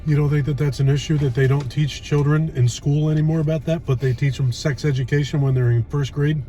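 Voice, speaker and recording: A man's voice: a little high, fairly even intonation, fairly quick, warm tone, soft background music. A man in his early fifties chatting casually while eating, chewing as he talks, in a blunt, exasperated, ranting way. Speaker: host of food review vlog. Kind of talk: casual chat.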